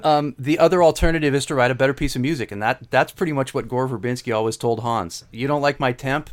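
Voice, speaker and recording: A middle-aged man talks casually as a podcast guest. He tells rambling, wry stories and keeps an easy conversational flow. His voice sits at an ordinary pitch. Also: fairly even intonation, fast talker. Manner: storytelling, digressive, wry. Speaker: guest composer.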